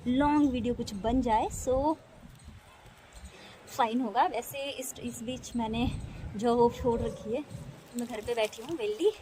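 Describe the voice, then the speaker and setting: A woman chats casually to her phone camera on an open rooftop, looping back over her own phrases and checking in with little tag questions. Her voice sits a bit high. The phone picks up plenty of wind and outdoor noise around her. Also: unhurried, pauses often, mellow. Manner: chatty, repeats phrases, frequent tag questions. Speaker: vlogger. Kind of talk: casual vlog chat. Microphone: phone camera, no external mic.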